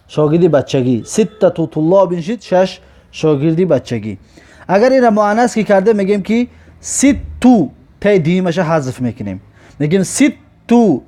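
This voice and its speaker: A man teaching an Arabic grammar lesson. He patiently repeats each example word slowly, then explains it step by step. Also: a little high, dark tone.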